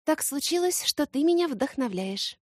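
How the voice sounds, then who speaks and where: Woman voicing a bold young heroine, teasing, mocking, high-pitched, swooping intonation. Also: expressive, moderate pace, a little mellow, no echo, clean studio sound.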